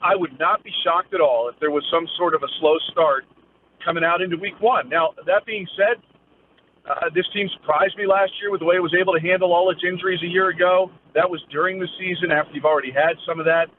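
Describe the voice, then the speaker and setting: A man's voice: sits high, fairly even intonation, fast talker. A man giving a live, conversational news field report as a sports reporter, phrasing his analysis loosely over a remote phone link. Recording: phone-like narrowband line with faint noise.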